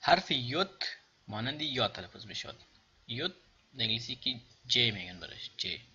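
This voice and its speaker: A man with an Afghan Dari accent, teaching German pronunciation and repeating example words slowly before explaining them. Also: mid-range voice, big pitch swings, bright, forceful tone, slightly rough, dull audio. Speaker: language teacher. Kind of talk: pronunciation lesson.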